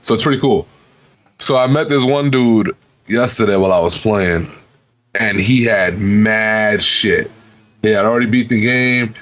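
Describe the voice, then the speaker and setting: A man's voice: fairly low pitch, unhurried. A man on a podcast telling a casual gaming story, swearing freely and acting out both sides of the conversation. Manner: animated, profane, laughing storyteller acting out dialogue. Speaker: podcast co-host. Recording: dull lo-fi podcast audio.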